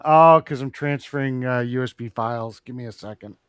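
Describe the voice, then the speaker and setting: A man's voice: medium pitch, a little fast, clean tone, no room sound, clean studio sound. A man in casual chat whose audio cuts out, so his volume jumps up and down as he rambles through explanations. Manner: rambling, self-correcting explanations. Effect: audio cutting out, uneven volume. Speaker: streamer talking tech gear.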